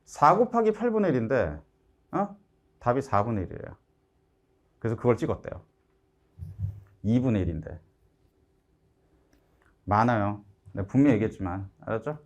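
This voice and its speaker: A middle-aged man lecturing on math, with a pitch that swings widely up and down. He keeps checking in with his students and sounds direct and coaxing. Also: normal speed, pauses often. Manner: lively, keeps asking "알았죠?" to check understanding; acts out students' complaints in a raised voice. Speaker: math instructor.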